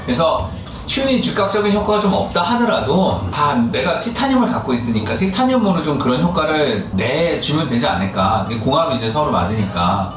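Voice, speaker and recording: A man explains his clinical work in a casual, conversational way. His pitch moves freely as he asks and answers his own questions. The room is echoey and the mic sounds distant. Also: very animated, a little fast, music in the background. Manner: explains with rhetorical questions and acted-out quotes. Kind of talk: casual explanatory chat over drinks.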